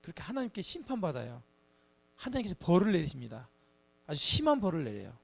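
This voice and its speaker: A man's voice: on the high side, quick pace, vocal fry. A man teaching a Bible lesson to children, acting out taunts and asking them questions. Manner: animated, acts out children's taunts; asks the children frequent questions. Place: church.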